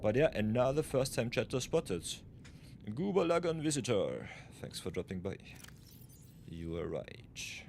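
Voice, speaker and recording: A man's voice: mid-range voice, big pitch swings, a little slow, vocal fry, a little mellow, slight background noise. A man from Austria chatting casually while streaming a game, thinking aloud as he plays. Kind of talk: live gameplay commentary.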